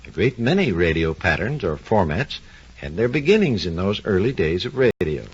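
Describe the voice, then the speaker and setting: In a heavily acted, folksy 1940s radio script, a man plays a knowledgeable doctor and expert storyteller reminiscing animatedly about radio's early days. His low voice swings widely in pitch at a moderate pace, slightly rough, on a dull lo-fi 1940s radio recording.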